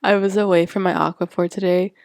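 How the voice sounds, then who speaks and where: Low gravelly woman, hesitant casual podcast chat. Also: flat delivery, fairly quick, darkish tone, no room sound, studio quality. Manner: hesitant, many "um"s, sleepy and laid-back. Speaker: podcast co-host.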